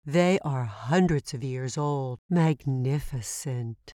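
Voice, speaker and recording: A woman voicing a calm, knowledgeable, slightly cautious travel companion in a children's educational show, explaining things in a measured, carefully enunciated way. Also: rumbling low, no room sound, studio quality. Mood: patient, informative.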